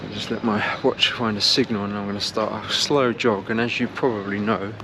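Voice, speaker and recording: Out on the city streets, a man vlogging about running explains things casually to the camera. He speaks a little fast in a steady, fairly low voice, with traffic noise audible around him.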